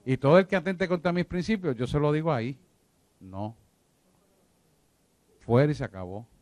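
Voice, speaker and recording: Teaching a church discipleship class, a man speaks emphatically, repeats himself, and often checks whether his listeners are following. His voice is fairly high and somewhat dark, at a moderate pace, with no echo.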